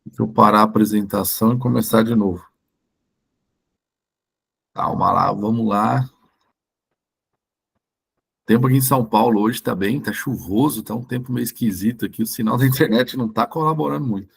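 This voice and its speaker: A hoarse man with a Brazilian Portuguese accent, a doctor giving a live online lecture in an informal way that keeps checking in with his listeners. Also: on the low side, moderate pace, pauses often. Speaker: doctor teaching a course.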